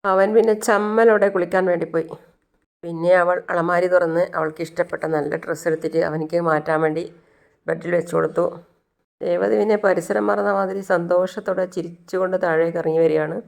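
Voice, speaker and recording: A woman's voice: on the low side, fairly even intonation, fairly quick, gravelly, darkish tone. A woman vlogger retelling a TV serial episode in a loose, casual way, correcting herself as she goes and acting out bits of the dialogue.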